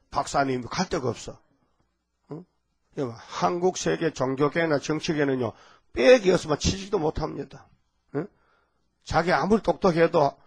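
Older man, pastor, Gyeongsang accent, husky voice, fairly high pitch, folksy rambling sermon with call-and-response asides. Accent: Gyeongsang Korean.

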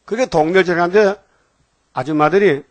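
A man's voice: high-pitched, normal speed, dry recording. An older man preaching a folksy sermon, telling homely stories and often asking the congregation "eh?" for agreement.

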